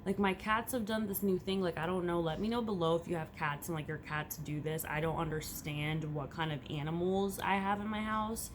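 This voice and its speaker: A woman's voice: lowish voice, fairly even intonation, a little fast, few pauses, noisy background. A young woman, a first-time mother, talking candidly and a bit rambling in a casual vlog at home. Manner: candid, rambling, swings between hushed and loud. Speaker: vlogger, first-time mom.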